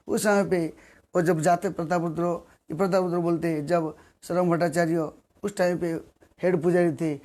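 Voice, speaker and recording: A man's voice: high voice, darkish tone. Man preaching with rhetorical questions. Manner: repetitive, rhetorical questions, sings verses slowly. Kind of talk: devotional sermon.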